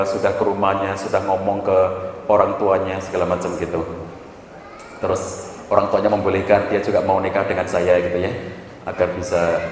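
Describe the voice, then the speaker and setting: Man, middle-aged, lively sermon storytelling, acts out voices, roomy echo, faint hiss. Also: deep voice. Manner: animated, acts out quoted voices, laughs at own jokes. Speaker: marriage counselor and preacher. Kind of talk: lively storytelling talk to an audience. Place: large hall with long reverb. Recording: echoey hall recording with faint noise.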